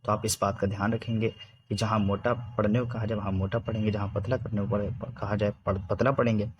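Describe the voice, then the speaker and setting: A male teacher giving a recitation lesson, drawing out syllables slowly in drills and explaining quickly in between. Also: lowish voice, level tone, muffled recording, slight background noise. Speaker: Quran reading teacher.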